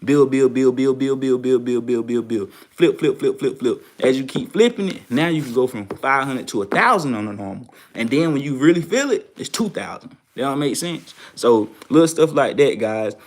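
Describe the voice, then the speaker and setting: A man's voice: medium pitch, animated, normal speed, few pauses. Casual man preaching trading rules. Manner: loose, preachy, repeats phrases for emphasis. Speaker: trading show host. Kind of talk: casual advice talk to viewers.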